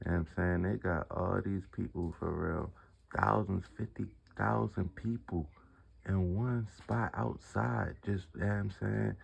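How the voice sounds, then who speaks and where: A man with a low, very gravelly and husky voice gives a rambling eyewitness account. His talk is loose and slangy, full of fillers, like a casual street interview. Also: steady tone, measured pace, highs cut off. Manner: slangy, rambling, repeats "you know what I'm saying". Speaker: concertgoer giving an eyewitness account.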